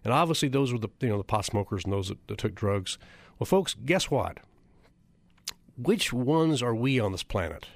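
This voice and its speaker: A man's voice: mid-range voice, lively intonation, moderate pace, dry recording. A middle-aged man, a chiropractor giving a public talk, repeating figures for emphasis and throwing rhetorical questions at the audience. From United States.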